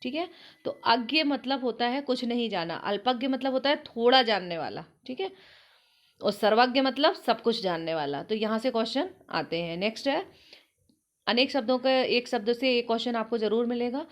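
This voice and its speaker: At a moderate pace, a woman with a highish voice works through exam-prep questions online, explaining each step and checking in regularly. "ठीक है" comes up over and over.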